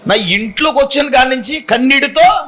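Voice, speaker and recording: A pastor preaching a sermon in church, animated and teasing, calling on the congregation to answer aloud. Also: male voice, very high-pitched, fairly quick.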